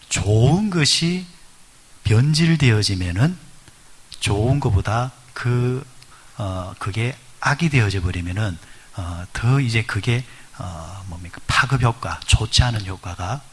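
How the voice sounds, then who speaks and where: Speaking in a husky, fairly low voice with a bit of brightness, a middle-aged pastor delivers a sermon during a midweek prayer service. He keeps it conversational, leans on plenty of fillers and puts questions to the congregation.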